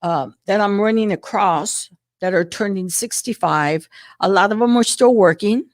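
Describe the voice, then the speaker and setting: A woman's voice: mid-range voice, moderate pace, no echo. Woman, 60s, co-host, chatty and rambling, dry close sound. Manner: chatty, rambling with restarts and laughs. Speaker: co-host, insurance agent. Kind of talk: casual chat.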